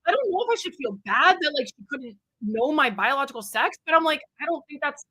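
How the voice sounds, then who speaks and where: A young woman telling stories in a casual chat, full of fillers and lively acted-out quotes. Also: high-pitched, fairly quick, no echo, poor audio. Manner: chatty storyteller, many fillers, animated quotes. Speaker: co-host.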